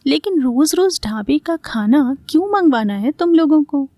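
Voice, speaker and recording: A woman's voice: high voice, expressive, normal speed, mellow, no room sound. A woman voicing an impatient, scolding older man who heads the family, in a storybook reading. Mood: irritated.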